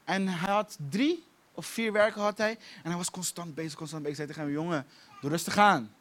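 Man, high-pitched voice, sermon, emphatic, repeats phrases. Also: a little fast. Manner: emphatic, repeats key phrases, laughs at himself. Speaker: pastor.

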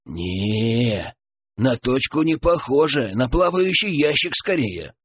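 Brief: male reader doing an easygoing sidekick, husky. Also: medium pitch, sing-song, slow, fairly bright tone, heavily acted. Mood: casual.

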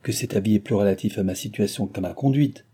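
Figure: proud young heiress read by a man, cold clipped replies, raised dark husky tone. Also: lowish voice, quick pace. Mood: cool, firm.

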